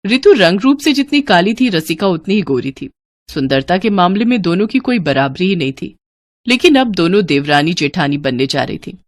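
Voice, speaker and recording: A woman reading scripted narration for a cartoon moral story in a clear, expressive storyteller manner. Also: on the low side, moderate pace, no echo. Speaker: narrator and voice of female figures.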